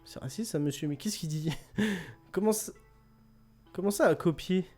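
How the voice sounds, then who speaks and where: Man, high voice, quiz host, jokey, repeats himself, faint music behind. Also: normal speed, darkish tone. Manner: joking, laughs often, repeats words. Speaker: host of an online quiz radio show. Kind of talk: casual quiz hosting, chatting with listeners.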